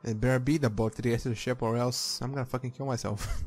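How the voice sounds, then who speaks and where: A man's voice: medium pitch, fairly even intonation, fast, a little mellow. A man giving casual, sweary playthrough commentary, reacting aloud as he plays a game. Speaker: gamer. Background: game music.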